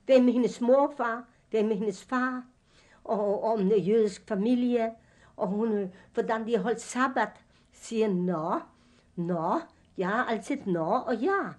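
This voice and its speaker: Older woman, halting speech. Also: on the high side, darkish tone. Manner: halting, with fillers and slips of grammar. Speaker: witness recounting her past. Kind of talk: personal testimony.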